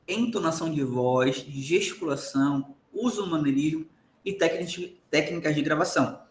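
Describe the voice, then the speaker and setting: Brief: Brazilian male law lecturer, emphatic, bright tone, slightly high voice. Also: reverberant. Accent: Brazilian Portuguese. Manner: lively, emphatic, often checks in with "tá?". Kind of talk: recorded online lecture.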